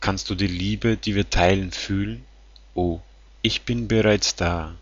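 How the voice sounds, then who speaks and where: A man slowly reading song lyrics aloud in a calm, tender, measured way. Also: low-pitched, no room sound. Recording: dull lo-fi sound.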